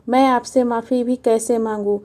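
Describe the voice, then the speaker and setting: A woman voicing a harsh, scornful young mother in a storybook reading, speaking in a sharp, scolding way. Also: a little high, fairly even intonation, normal speed, natural voice. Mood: ashamed. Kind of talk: storybook narration.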